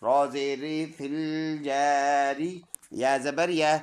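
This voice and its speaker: His mid-range voice stays steady as he draws out his words in a spelled-out recitation lesson. Teaching Quran reading in an echoey room, the man goes letter by letter and vowel by vowel through each word, then recites the full verse.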